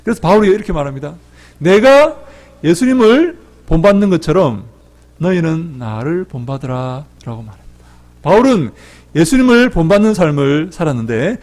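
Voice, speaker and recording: A man preaching a sermon as pastor, animated, swinging from loud calls to soft asides, telling personal stories and joking with the congregation in church. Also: on the high side. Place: church sanctuary.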